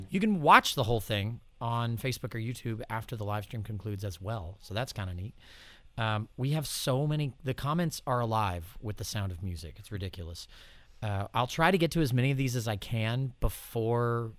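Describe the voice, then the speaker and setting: A man hosts a live music radio show from a studio, chatting casually and cracking quick jokes. His voice sits at an ordinary middle pitch. The studio mic is close and dry. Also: no echo. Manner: chatty and joking, quick asides.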